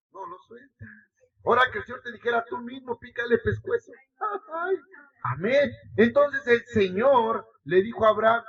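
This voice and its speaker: A middle-aged Mexican man preaches in a church, swinging between loud bursts and soft, close asides. His voice sits high and a little husky. It is heard from a distance on a muffled recording. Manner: emotional, conversational preaching with sudden rises and drops in loudness. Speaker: lay preacher. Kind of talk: sermon.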